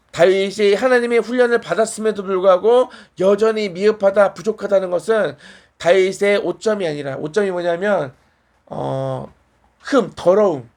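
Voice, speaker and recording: A man preaching a sermon in a small church, conversational and asking the congregation questions and answering back. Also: high-pitched.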